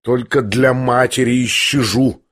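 A man's voice: medium pitch, steady tone, measured pace, a bit bright. A man voicing a bitter, angry grown son who answers curtly and cuttingly. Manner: biting, curt.

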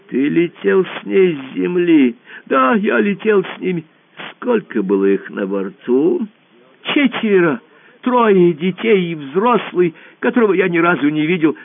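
A man voicing a small, frightened talking ball that squeaks and pleads in a high, thin voice. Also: dry recording, heavily acted. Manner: pleading, desperate. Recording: tinny phone-like radio audio.

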